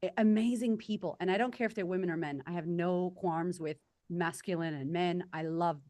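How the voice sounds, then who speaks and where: Low-pitched Australian woman, candid and dry-sounding. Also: steady tone, brisk, mellow, dry recording. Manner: candid, emphatic, informal with swearing. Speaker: podcast guest. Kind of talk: casual conversational interview answers.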